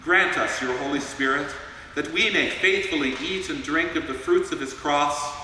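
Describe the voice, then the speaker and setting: Male pastor, solemn liturgy, cathedral echo, bright ringing voice, distant long reverb. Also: on the high side. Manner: measured, solemn liturgical delivery. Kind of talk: intoning a church liturgy. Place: large church. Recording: echoey church hall from far off, faint hiss.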